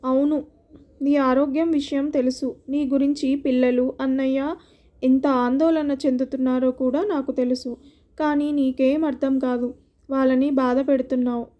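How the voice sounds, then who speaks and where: A woman's voice: high-pitched, flat delivery, normal speed, lo-fi sound, close to an everyday voice. A woman voicing a caring, outspoken middle-aged woman who teases and scolds her friend. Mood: scolding. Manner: teasing, then scolding.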